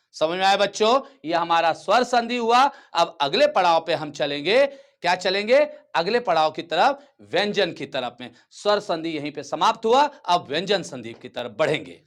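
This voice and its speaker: Male teacher, slightly high, very animated pitch, deliberate pace, drawn-out examples, constant comprehension checks. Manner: repeats words slowly and checks understanding. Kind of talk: classroom grammar lesson.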